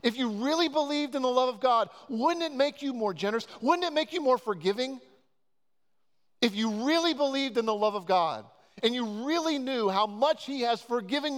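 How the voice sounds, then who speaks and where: A man preaching a sermon as pastor, earnest and urging, pressing his listeners with repeated questions. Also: very high-pitched. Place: church sanctuary. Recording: long church reverb.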